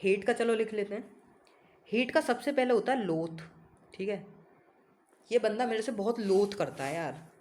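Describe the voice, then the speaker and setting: A man's voice: high voice, normal speed, pauses often, darkish tone. A man teaching English vocabulary in a casual coaching lesson, talking informally to his students and spelling words out letter by letter.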